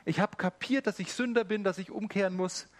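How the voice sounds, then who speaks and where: Man doing frank young man, casual, candid, slightly higher voice. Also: a little fast, no room sound, close to an everyday voice. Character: young man, honest but refusing faith.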